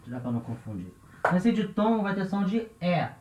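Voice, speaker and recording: A man's voice: high-pitched, sing-song, a little fast, a little mellow. A Brazilian man teaching a language lesson, patiently repeating each example word and checking in with the listener after nearly every phrase. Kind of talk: classroom-style language lesson. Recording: roomy, dull lo-fi recording.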